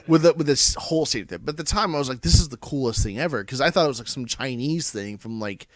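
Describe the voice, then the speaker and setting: A man's voice: mid-range voice, expressive, fast, a bit bright. An American man telling a casual, rambling story to friends while drunk, swearing and repeating himself as he goes. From Indiana, United States.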